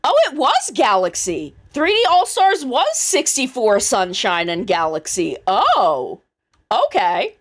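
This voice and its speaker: A woman's voice: fairly high pitch, wildly swooping pitch, takes it slowly. A woman streamer chatting casually on a live stream, rambling and thinking aloud, swearing now and then.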